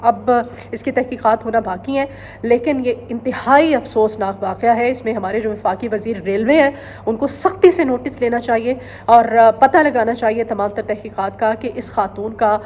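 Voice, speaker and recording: A Pakistani woman with a higher, darkish voice offers earnest commentary on current-affairs news, often pausing on hesitant fillers and repeating phrases for emphasis. A little hiss or hum is audible.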